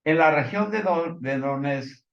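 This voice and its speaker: A man with a Mexican accent offers informal news commentary, partly reading from reports, and he halts and hesitates, stumbling and using fillers. His voice is a little high, and the sound is reverberant and lo-fi.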